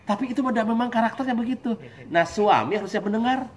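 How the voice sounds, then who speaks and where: A man giving a lively, joking religious study talk, acting out husband and wife voices. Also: very high-pitched, quick pace. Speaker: preacher.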